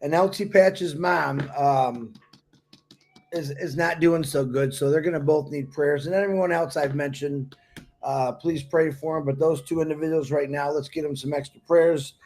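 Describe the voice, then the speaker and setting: A man's voice: fairly high pitch, fairly even intonation, normal speed, a little mellow. A man co-hosting a live stream, making upbeat announcements and introducing a guest, stumbling and restarting now and then. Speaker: co-host.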